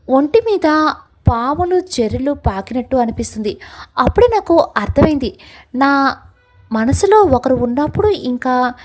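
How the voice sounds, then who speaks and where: A young woman with a high voice narrates a love story in the first person. Her reading is emotional and dramatic. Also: low-quality recording.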